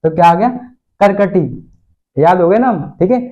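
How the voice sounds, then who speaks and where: A man's voice: high-pitched, expressive, normal speed, lo-fi sound. A male teacher giving an online lesson in a playful way, repeating each question and answer and laughing often.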